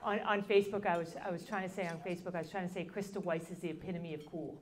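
A woman's voice: on the low side, steady tone, rapid-fire. Dry, self-deprecating female comedian. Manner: dry, self-deprecating, casual with filler likes. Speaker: stand-up comedian. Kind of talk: stand-up comedy set. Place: comedy club stage. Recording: live audience laughter.

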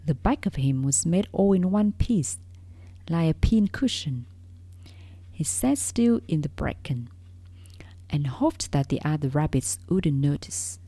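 A woman reads a soothing bedtime story in a soft, half-whispered voice, slow and unhurried. Her low-pitched narration still rises and falls with lively expression. The sound is dry and close. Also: husky, dry recording.

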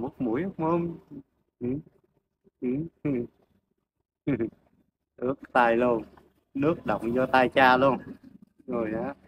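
Guy cooing at his dogs outside, farm noise and animals in the back. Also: mid-range voice. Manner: coaxing baby talk to his dogs, many repeated questions. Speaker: farm pet vlogger. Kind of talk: casual vlog talk to his dogs and viewers. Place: outdoors at a farm home. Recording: outdoor ambience and animal sounds behind.

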